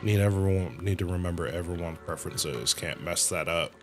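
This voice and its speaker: While livestreaming a game, a low-pitched man talks fairly quickly, reading dialogue aloud casually and reacting with slang, occasionally tripping over words and fixing them. Game music runs in the background.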